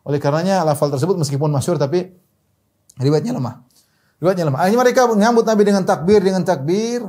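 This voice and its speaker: Male preacher, quick delivery, slightly high voice, vivid storyteller. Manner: animated storyteller, voices quoted characters. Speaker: Islamic preacher. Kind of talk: storytelling sermon.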